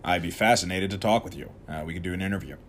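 A man hosting an opinionated political commentary show, talking straight to his viewers in a sarcastic, animated way. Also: deep voice, very fast.

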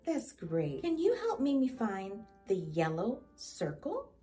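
Slow, sing-song kindergarten teacher woman. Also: fairly high pitch, wildly swooping pitch, dark tone, faint music behind. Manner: kindergarten teacher voice: encouraging, sing-song, simple questions with pauses. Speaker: children's show host. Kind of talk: preschool lesson addressed to young children.

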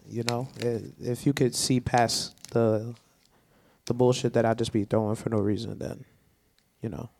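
A man's voice: medium pitch, darkish tone. A man co-hosting a podcast, talking bluntly and casually with plenty of swearing and teasing. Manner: blunt, profane, joking. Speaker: podcast co-host. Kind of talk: casual chat.

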